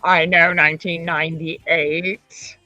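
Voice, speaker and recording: A woman's voice: deep voice, flat delivery, slow pace, bright, forceful tone, no room sound, muffled recording, faint music behind. A woman hosting a live online craft supply sale, chatting casually and rambling with fillers as she shows fabric. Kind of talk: casual live-stream selling.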